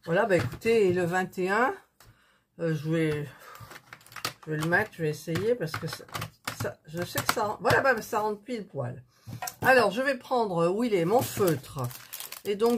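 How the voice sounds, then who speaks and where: A woman chatting casually to viewers while doing a craft, thinking aloud with many hesitations and counting items out loud. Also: lowish voice, slightly rough. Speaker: crafting video host.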